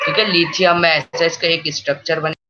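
Male physics teacher, slightly high voice, repeats himself and keeps asking "okay?"; muffled recording. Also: little pitch movement, fairly quick, sharp tone. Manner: repetitive, checks understanding with frequent "okay?". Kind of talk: classroom lecture. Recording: dull lo-fi with faint background noise.

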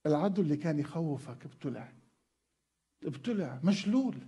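A man delivers a sermon in a high, husky voice. He preaches emphatically, circling back to repeat key words and putting rhetorical questions to his listeners. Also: lively intonation, a little fast, mellow. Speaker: pastor.

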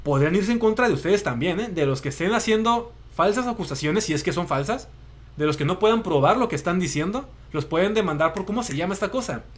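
Slangy northern Mexican man, high voice. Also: quick pace. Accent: northern Mexican Spanish. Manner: slangy, animated storytelling with acted-out quotes. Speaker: show host. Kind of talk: casual live commentary.

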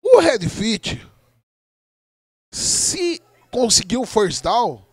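A man's voice: very high-pitched, big pitch swings, extremely slow, husky, no room sound, studio quality. A Brazilian man giving informal, chatty live commentary on an American football game.

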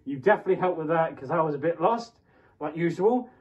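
A man's voice: on the high side, animated, fast. A man rambling hesitantly with many fillers in a comedy skit and fursuit showcase, recorded on lo-fi audio. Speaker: fursuit video creator. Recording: lo-fi muffled recording.

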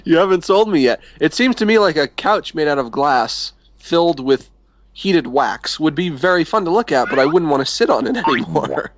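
A man's voice: on the high side, expressive, moderate pace. A man co-hosting an improvised comedy podcast, asking skeptical questions and laughing often as he plays along.

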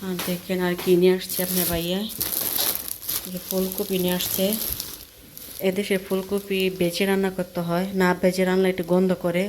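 A Bangladeshi woman vlogging casually as she cooks at home, explaining each step in a chatty way, her voice hoarse from a cold. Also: lowish voice, monotone, normal speed, noisy background. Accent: Bangladeshi Bengali. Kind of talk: casual cooking vlog. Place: home kitchen.

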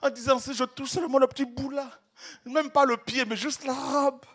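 A man preaching an ecstatic sermon, swinging from hushed murmurs to shouted cries, repeating and stumbling over words in his fervor. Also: very high-pitched, fairly even intonation, moderate pace, a little hiss or hum.

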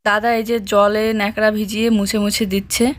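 A young woman narrating a casual home vlog, speaking softly and chatting as she explains her chores. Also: mid-range voice, flat delivery, normal speed, a little hiss or hum. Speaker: village vlogger and mother.

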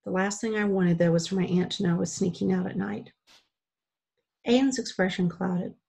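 A woman reading a children's novel aloud in a plain, steady storytelling way. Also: medium pitch, moderate pace, vocal fry, husky. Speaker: audiobook reader.

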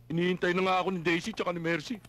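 A man's voice: high-pitched, level tone, racing, fairly bright tone. A man playing an indignant male bank manager in a slapstick comedy, complaining after a wrongful arrest.

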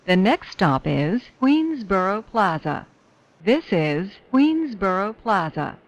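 A woman reading scripted train announcements in a measured, formulaic way. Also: medium pitch, sing-song, muffled recording. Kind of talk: scripted subway station announcements.

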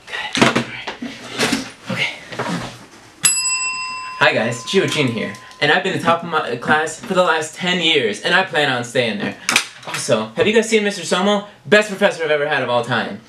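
A man's voice: a little high, very noisy. A man playing an eager, fussy teacher's-pet student in an amateur comedy skit. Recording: echoey room, distant mic, loud clatter.

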